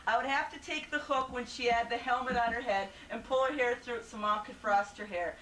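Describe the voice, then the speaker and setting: A high-voiced woman reads family memories aloud, breaking into laughter as she goes. She sounds like an old VHS home video, with steady tape hiss. She is heard from across an echoey room. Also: fairly quick. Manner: laughing often through the telling. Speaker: family member sharing memories. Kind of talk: reading childhood stories aloud. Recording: hissy, distant, roomy home video tape.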